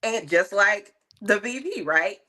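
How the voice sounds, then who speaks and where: A woman's voice: mid-range voice, lively intonation, measured pace, pushed and bright. A woman speaking as a guest in a casual discussion, earnest and opinionated, with plenty of likes and ums. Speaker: panel guest.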